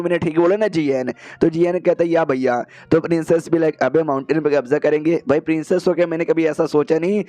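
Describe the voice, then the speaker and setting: A man's voice: on the high side, mellow, no echo. A man narrating a comic story recap in a casual, slangy way, quoting the characters as he goes. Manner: chatty, slangy, quotes characters in passing.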